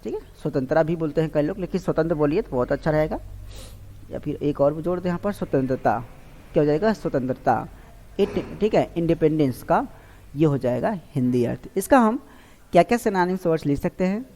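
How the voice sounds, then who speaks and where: Man, vocabulary teacher, mellow dark tone, repeats questions and answers, long hall reverb. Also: fairly high pitch, animated, brisk. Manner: quizzes himself aloud and repeats each answer. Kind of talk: online exam-prep lesson.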